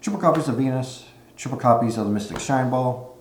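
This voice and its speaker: A man giving a casual card game deck walkthrough with relaxed, explanatory talk, recorded in low-quality audio without his usual mic. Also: brisk, slight background noise. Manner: relaxed, explanatory, frequent "uh" fillers. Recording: echoey room on a makeshift mic.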